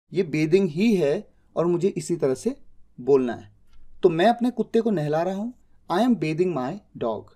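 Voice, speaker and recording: Indian man, English tutor; patient step-by-step explainer, warm low tone, drags out example phrases. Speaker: English teacher. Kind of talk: spoken English lesson in Hindi.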